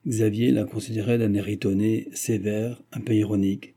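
Man reading a novel aloud, slow and even, pretty low, husky. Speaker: audiobook reader. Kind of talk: literary audiobook narration.

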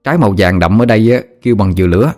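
A man's voice: on the low side, expressive, a little mellow, faint music behind, close to an everyday voice. A man with a Southern Vietnamese accent voicing an older village boy who teases and shows off. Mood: boastful. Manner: teasing, brash, quick-talking. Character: older village boy, teasing, brash, showing off.

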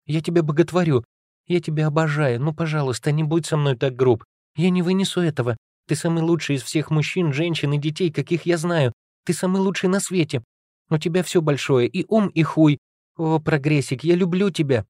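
A man's voice: a little high, fairly quick, darkish tone, no room sound, studio quality, pitched above the performer's own voice, lightly acted. A man reading an audiobook, voicing a brash, volatile young woman who talks in a heated, whining and reproachful way. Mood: pleading, adoring. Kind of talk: audiobook character voice.

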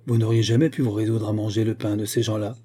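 A hard, scornful man with a curt, mocking way of speaking, played by a male reader. His low, dark and husky voice gives orders as if owed something. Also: little pitch movement, fast. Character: bitter, scornful middle-aged man, hard and commanding.

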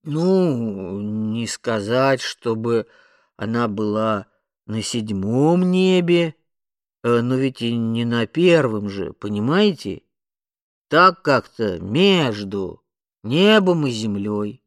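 A man voicing a slow-witted, flustered unemployed Englishman in an audiobook, stammering and hesitant. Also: medium pitch, lively intonation, no echo, clean studio sound. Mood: rambling.

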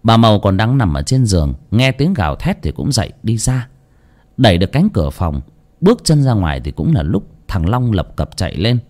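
A man's voice: fairly low pitch, brisk. A man narrating a ghost story dramatically as storyteller. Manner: dramatic, animated.

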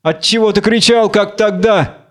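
A man's voice: high-pitched, slow, fairly bright tone, clear, resonant tone, pitched above the performer's own voice. A man doing a frightened young warrior. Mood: fearful. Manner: urgent, anxious pleading.

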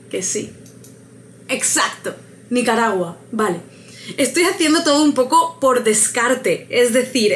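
A woman's voice: on the high side, slight background noise. A woman vlogger thinking aloud as she takes a quiz, hesitant and musing, laughing at her own luck.

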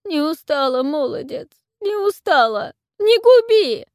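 Shrill old crone witch. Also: big pitch swings, measured pace, no echo, clean studio sound. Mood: pleading. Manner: shrill, wailing, folksy old speech. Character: frightened wheedling old female witch.

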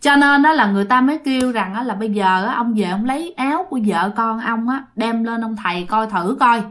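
A woman's voice: fairly high pitch, brisk. A woman retelling a ghost story in a chatty way, often addressing her listeners directly.

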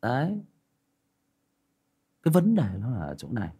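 A man's voice: medium pitch, normal speed, slightly rough. A man telling a personal story in casual talk, acting out both sides of a conversation. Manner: acts out both sides of a conversation, rising sharply when excited. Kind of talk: casual spoken storytelling to listeners.

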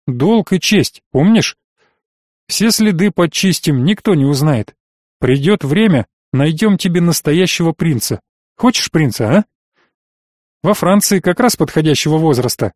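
A man's voice: a little high, lively intonation, moderate pace, darkish tone, no echo, clean studio sound. A man reading an audiobook voices a domineering older noble father who speaks patronizingly and turns harsh and threatening. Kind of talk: audiobook character voice.

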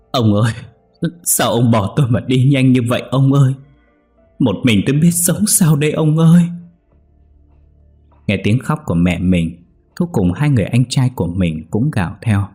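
A man narrating a ghost story in a steady, measured way. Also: low-pitched, husky.

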